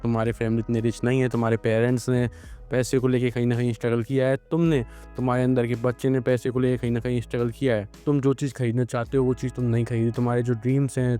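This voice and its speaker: A man's voice: medium pitch, dark tone, clear, resonant tone. A young man giving a blunt motivational monologue, lecturing straight at the listener as a self-improvement host.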